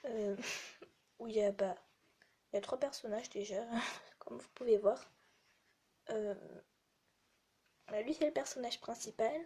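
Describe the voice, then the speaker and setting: A teenage girl with a hoarse voice, chatting casually and rambling with many fillers as she shows her collection. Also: fairly high pitch, unhurried, pauses often. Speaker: vlogger. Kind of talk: casual chat. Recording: loud background music.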